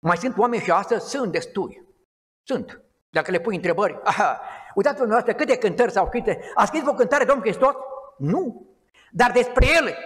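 A middle-aged man giving an informal, rambling sermon in a small church, with halting restarts. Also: high-pitched, fairly bright tone. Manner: conversational and digressive, with halting restarts. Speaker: lay preacher. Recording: long hall reverb.

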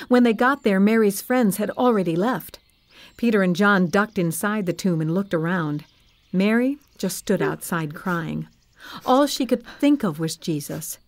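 A woman narrating a children's story in a slow, gentle and expressive way. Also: mid-range voice, dry recording.

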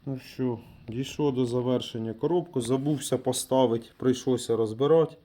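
A man's voice: medium pitch, a little fast, dark tone. Man, DIY mechanic vlogger, casual and unscripted, muttering through a repair in a workshop, friendly asides to viewers. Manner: thinks aloud while working, trailing off and restarting. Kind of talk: casual hands-on repair commentary.

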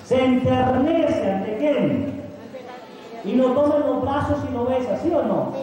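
High-voiced priest preaching in an echoey hall. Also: male voice, animated, unhurried, dark tone, a faint crowd. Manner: asks the congregation questions and answers them himself. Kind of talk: sermon. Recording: echoey hall recorded from far off.

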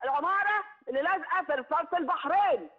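An Egyptian woman caller comes through a dull, lo-fi phone line. She talks very fast in a high voice. She keeps repeating her points in an agitated, pleading way. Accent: Egyptian Arabic. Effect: heard over a phone line on air. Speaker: caller to a TV talk show.

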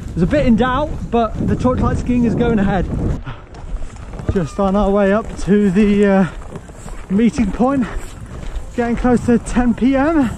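A man's voice: sits high, measured pace, background noise. A man vlogging on a night ski trip, chatty and asking his friends questions, filming on an action camera. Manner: chatty, asks the others questions. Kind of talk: casual vlog chat.

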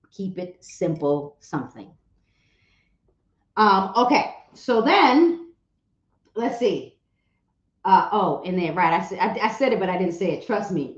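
A real estate broker gives a motivational talk to an audience about social media, speaking in a fairly low voice. She's animated, direct and teasing, acting out the voices she quotes. The sound is roomy and slightly dull.

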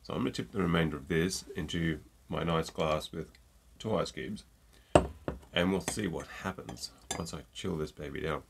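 His voice is a rumbling, creaky low, at a moderate pace, and the recording is very noisy. This middle-aged gin reviewer, stuffed up with a cold, chats jokily to camera in a casual tasting session, saying um often. He's by a desk mic in a home room with bottle shelves.

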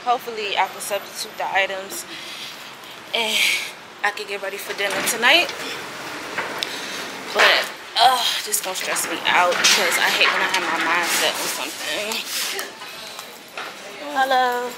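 This lifestyle vlogger speaks at a medium pitch and a measured pace, pausing often as she chats casually to the camera. She keeps saying "y'all" to her viewers, and the outdoor recording is noisy.

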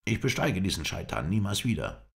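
A man's voice: low-pitched, big pitch swings, brisk, vocal fry, pitched above the performer's own voice, heavily acted. A man voicing a proud, sulking young Bedouin warrior in an audiobook, sounding indignant. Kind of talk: audiobook character voice.

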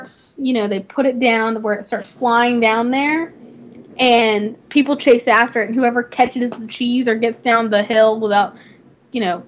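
A young woman with a Southern accent, chatting and giggling in a rambling, excitable way while live-streaming a game. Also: on the high side. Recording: slightly dull, faint noise.

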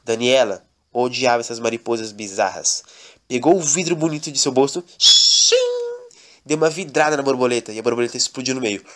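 A man's voice: medium pitch, fast, few pauses. A man telling an absurd comic story in a mock-dramatic, repetitive storytelling manner.

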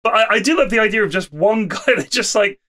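A man with a bright, forceful voice pitched a little high, chatting on a podcast. He reads out listener mail and tells stories with plenty of animation. The sound is close and clean, like a studio mic. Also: quick pace. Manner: animated storyteller, reads letters aloud. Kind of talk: casual podcast chat.

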